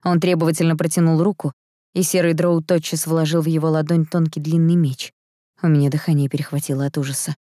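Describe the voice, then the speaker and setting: A woman reading a first-person audiobook in a calm, even manner. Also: deep voice, brisk, no room sound, clean studio sound. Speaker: audiobook narrator. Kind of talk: scripted first-person narration.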